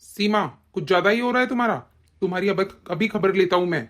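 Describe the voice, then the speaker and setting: A woman voicing an angry young husband and brother in an animated cartoon, shouting and bossy. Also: medium pitch, fast, natural voice.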